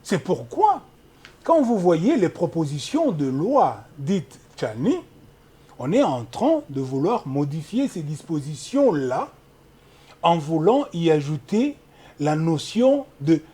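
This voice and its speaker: A husky, mellow-toned man, talking as a lawyer in a studio interview. He explains in a measured, lecturing way, with a lively rise and fall in his pitch. He cites article after article. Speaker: human rights lawyer guest.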